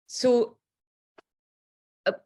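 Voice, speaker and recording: A woman's voice: very slow, mellow. A woman with a broad Scottish accent giving an informal online presentation in a chatty, enthusiastic manner. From Scotland. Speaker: guest speaker, interim director of an organisation. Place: online video call.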